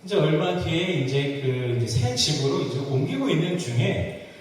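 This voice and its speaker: A male pastor preaches with lively, swinging pitch and turns a household story into gentle self-mockery. His voice rings through a long-reverb church hall, picked up from a distance. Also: moderate pace, a little hiss or hum. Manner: animated storytelling, playful self-mocking humor. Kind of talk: sermon with live interpretation. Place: church sanctuary. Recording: echoey church hall from far off.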